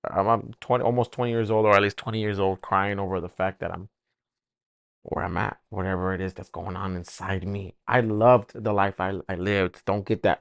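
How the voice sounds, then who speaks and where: Low-voiced man giving an emotional testimony. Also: vocal fry, no room sound, clean studio sound. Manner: emotional, halting, repeats words. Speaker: testimony speaker. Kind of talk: personal faith testimony.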